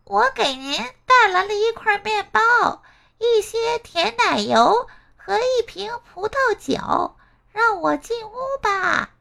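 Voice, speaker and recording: A woman voicing a wolf who fakes a little girl's voice, pinching his nose so it sounds squeaky. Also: lively intonation, takes it slowly, gravelly, bright, forceful tone, full character voice. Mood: sly. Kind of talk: storybook voice acting.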